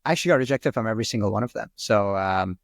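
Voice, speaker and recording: Rapid-fire and gravelly, this fairly low male voice belongs to a twenty-something podcast guest from Sri Lanka whose first language is Arabic. His answers wander casually and are full of "like" and "um." The recording is dry and studio quality.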